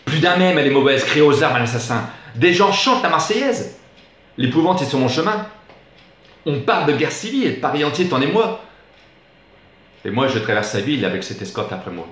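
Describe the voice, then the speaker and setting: A man performing a comic verse monologue in a theatrical, expressive recitation that swings between excited and hushed. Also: fairly high pitch, brisk. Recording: very echoey room.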